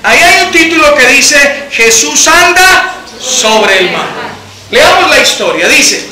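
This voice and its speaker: A man's voice: extremely high pitch, big pitch swings, takes it slowly, a crowd in the background. A man leading a Bible study, reading scripture dramatically and asking the congregation questions. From Colombia. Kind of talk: church Bible study teaching. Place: church hall. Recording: echoey church hall.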